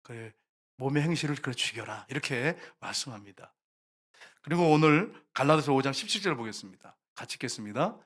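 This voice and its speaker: A man's voice: mid-range voice, animated, brisk, fairly bright tone. A man preaching a sermon as a pastor, talking with the congregation, asking them questions and acting out quoted prayers. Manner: conversational, asks the congregation questions and answers them himself; acts out short quoted prayers and complaints.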